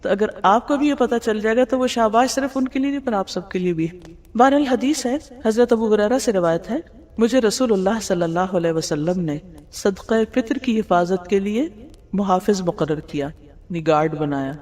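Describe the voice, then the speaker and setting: A female Islamic teacher with a medium-pitched, slightly mellow voice explains hadith in a religious lecture. She poses rhetorical questions to her audience and sprinkles English words into her speech, and a long reverb makes it sound like a large hall.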